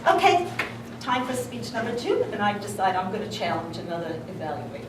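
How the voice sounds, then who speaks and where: Animated New woman telling a funny story. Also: a little high, noisy background. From New York. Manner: animated, self-mocking storytelling with laughter. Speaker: contest speaker. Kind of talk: humorous contest speech. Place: meeting room before an audience. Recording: echoey room from a distance, audience laughter.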